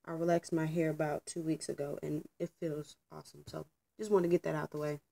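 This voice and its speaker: A woman's voice: deep voice, little pitch movement, brisk, creaky, dark tone, low-quality recording. A young adult woman casually telling a story about work while getting ready at home, candid and chatty with frequent ums. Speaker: vlogger. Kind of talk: casual storytime while doing her hair.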